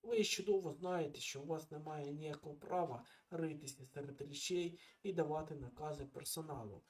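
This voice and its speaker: A man's voice: fairly high pitch, brisk, distant mic, close to an everyday voice. A man voicing an angry male office manager who gives curt commands in an audiobook. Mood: indignant.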